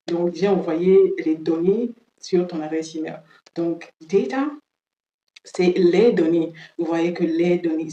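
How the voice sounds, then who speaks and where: A woman with a low, mellow voice teaches English vocabulary and repeats each word again and again. She talks slowly and carefully. The sound carries the echo of a roomy space. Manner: slow, drills words by repeating them. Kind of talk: French-language English lesson.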